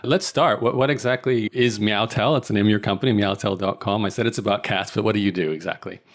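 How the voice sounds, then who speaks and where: A man's voice: fairly low pitch, fairly even intonation, fast. A man from Australia hosting an interview podcast, chatty and rambling, with frequent restarts. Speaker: podcast host. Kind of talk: casual interview chat.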